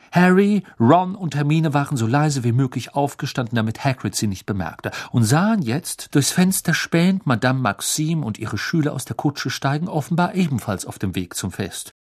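A man narrating a novel as an audiobook, reading in an expressive storytelling way. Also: medium pitch, breathy edge. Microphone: close studio microphone. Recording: dry studio sound.

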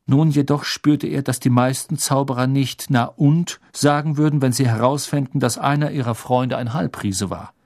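A man reading a fantasy novel aloud as narrator, with expressive storytelling. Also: medium pitch, no room sound, studio quality. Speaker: audiobook narrator. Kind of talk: scripted narration.

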